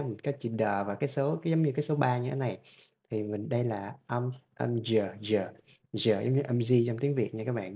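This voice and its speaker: A male teacher with a Vietnamese accent, giving a phonics lesson, repeating each sound and word slowly and patiently. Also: medium pitch, mellow, highs cut off. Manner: drills each sound several times, then explains it patiently. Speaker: English teacher.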